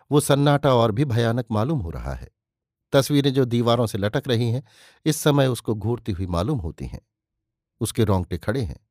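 A man reads a literary story in measured, scripted narration. His voice sits at a middle pitch. The recording is dry and close, with no room sound. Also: no room sound.

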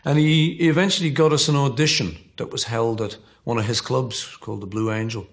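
A man's voice: brisk, vocal fry. A man, a musician looking back on his early band days in an easygoing, reminiscing interview manner. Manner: low, relaxed reminiscing with fillers. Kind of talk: recalled interview.

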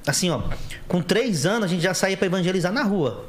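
Fast-talking São father, rambling. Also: high-pitched, expressive, slight background noise. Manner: rambling storyteller, repeats phrases. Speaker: guest's father. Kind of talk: casual podcast chat.

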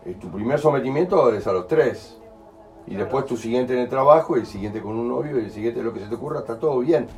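A man's voice: mid-range voice, quick pace, darkish tone, soft background music, low-quality recording. A man with a Uruguayan Spanish accent leading an in-person healing talk, explaining with acted everyday examples and frequent checks for understanding. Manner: colloquial, explains with acted examples and asks ¿entendés?. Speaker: healing workshop leader. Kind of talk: in-person talk to a small group.

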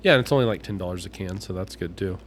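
Low-voiced man rambling in casual chat. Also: very fast, breathy edge. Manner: rambling, quotes people in put-on voices. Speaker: podcast co-host.

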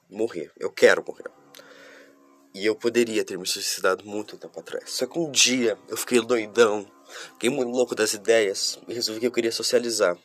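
Guy w rambling to his viewers, nose all blocked up from a cold, mid-pitched voice. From Curitiba, southern Brazil. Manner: rambling, talks straight to viewers. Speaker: vlogger. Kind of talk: casual confessional monologue.

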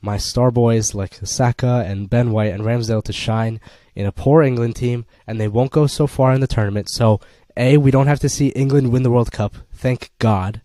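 A man's voice: mid-range voice, fairly even intonation, moderate pace, hardly any pauses, warm tone, no echo. A young man co-hosting a casual football podcast, opinionated and sarcastic as he argues his picks. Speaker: podcast co-host.

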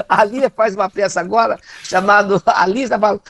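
Brazilian woman, middle aged, gravelly voice, tells funny stories in a dry room, acts out the voices. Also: mid-range voice, moderate pace, no echo. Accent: Brazilian Portuguese. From Minas Gerais, Brazil. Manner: lively, laughs often, acts out dialogue. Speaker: comedian and TV guest. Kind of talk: animated anecdotal storytelling.

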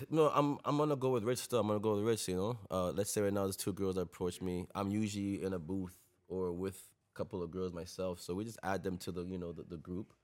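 A man's voice: low voice, steady tone, quick pace. A young adult man, telling stories casually in street slang and repeating tag phrases. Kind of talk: casual anecdotal chat.

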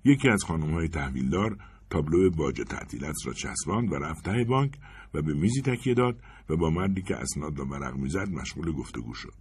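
Deep husky male storyteller. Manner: expressive storytelling. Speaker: narrator. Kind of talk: audiobook story reading.

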